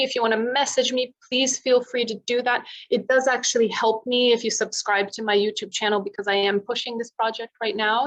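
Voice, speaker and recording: A Polish-born singer and vocal coach gives an informal presentation in an online video meeting, answering questions in a chatty, explanatory way. Her voice is a little high, and the recording quality is low.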